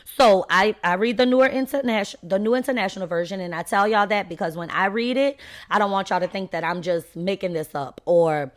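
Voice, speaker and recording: A woman's voice: mid-range voice, brisk. A woman hosting a faith podcast, talking unscripted and emphatically, and addressing listeners directly as y'all in a preachy tone. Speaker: podcast host.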